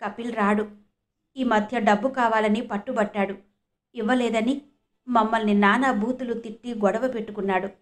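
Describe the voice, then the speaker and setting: A woman's voice: a little high, steady tone, normal speed, close to an everyday voice. A woman reading the part of a sorrowful middle-aged stepmother who speaks in a subdued, grieving way.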